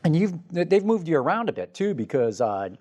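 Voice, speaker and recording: A man's voice: fairly high pitch, big pitch swings, mellow. A man hosting a studio talk show, chatting casually and agreeing with his guests. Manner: affirming, with quick interjections.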